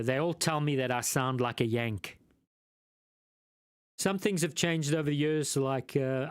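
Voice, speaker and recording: Reading viewer comments during a relaxed live stream, this South African host speaks with a smooth, medium-pitched voice and a South African accent. His chat wanders, leans self-deprecating, and is full of ums and false starts. There's no room sound, just a clean studio recording.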